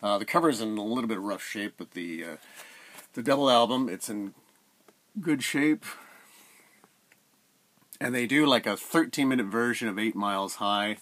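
A middle-aged man with a low voice talks about his record finds in an easygoing, rambling way, full of "uh"s. He sits close to the camera in a room at home. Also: moderate pace, long pauses. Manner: relaxed, rambling, many "uh" fillers. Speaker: record collector vlogger. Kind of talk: casual record review. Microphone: camera at close range.

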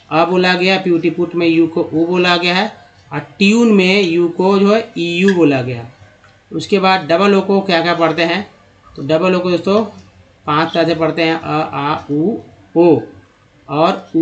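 A man giving a spoken English lesson. He reads words out slowly one by one, then explains them. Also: a little high. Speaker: English teacher. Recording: dull lo-fi sound.

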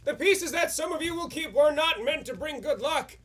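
A man playing a solemn high-voiced rabbi. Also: animated, normal speed, a bit bright. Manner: solemn, sermon-like. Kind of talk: live stage musical acting.

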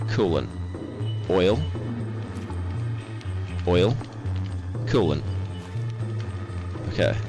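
A young man streaming a game, panicking, swearing and repeating words as he plays. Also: deep voice. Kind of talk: live gameplay commentary. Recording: game music behind voice.

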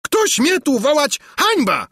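Shrill raging storybook king barking orders, gravelly edge, dry sound. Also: wildly swooping pitch, slow, bright, forceful tone, no echo, full character voice. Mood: furious shouting. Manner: shrieking, bellowing orders. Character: raging tyrant king, grown man, cruel and hot-tempered. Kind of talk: audiobook character voice.

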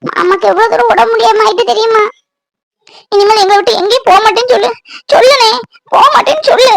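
A woman's voice: very fast, gravelly. A woman playing a young sister who cries and pleads with her long-lost brother in a family skit. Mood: reproachful. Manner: pleading, reproachful, high-pitched. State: crying.

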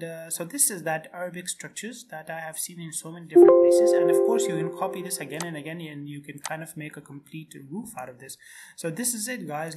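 A man narrating a screen-recorded software tutorial in quick, repetitive step-by-step phrases. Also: fairly high pitch. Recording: noisy home recording.

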